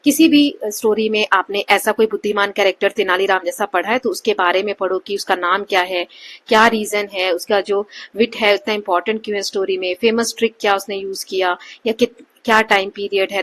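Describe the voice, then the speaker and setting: A woman teacher explaining a textbook chapter, reading English lines slowly and then explaining them, often modeling rising and falling question intonation. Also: medium pitch, fairly bright tone. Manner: fillers and restarts.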